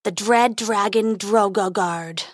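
A woman voicing a huge, menacing male dragon with a slow, growling delivery in a storybook reading. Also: mid-range voice, no room sound, clean studio sound.

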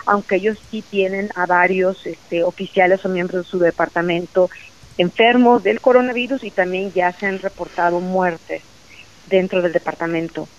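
A woman news reporter calling in live, giving a measured report with fillers. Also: fairly low pitch, fairly even intonation. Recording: muffled phone-like line.

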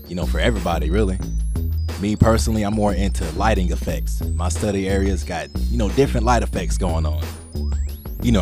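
A man hosting his own show, talking casually and directly to the audience. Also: low-pitched. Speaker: show host. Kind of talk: casual solo show talk.

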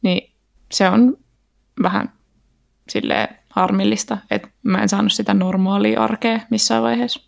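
Creaky-voiced woman in a podcast chat. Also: medium pitch, steady tone. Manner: soft-spoken, emotional, laughs easily. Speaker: podcast co-host.

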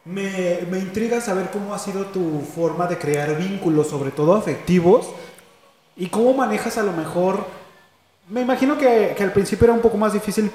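A man's voice: sits high, a little mellow, echoey room. A man hosting an interview, asking questions with short, supportive acknowledgements. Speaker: host.

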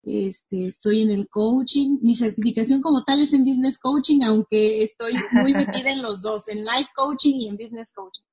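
A woman in her 30s from northwestern Mexico, a marketing coach, chats casually as a guest from her home in an interview, animated and quick to laugh. Her voice is a little high and breathy, at a moderate pace with few pauses, and the highs are cut off.

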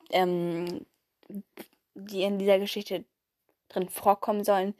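A woman's voice: mid-range voice, no room sound. A woman on a podcast explaining the rules of a game step by step, with the odd filler. The sound is dry and close, with no room around it. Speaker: podcast co-host.

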